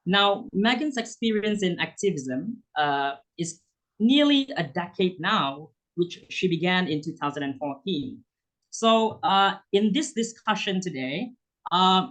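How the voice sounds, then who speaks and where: A man's voice: sits high, fairly bright tone, low-quality recording. Young man moderating a panel. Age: young adult. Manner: formal, halting introductions.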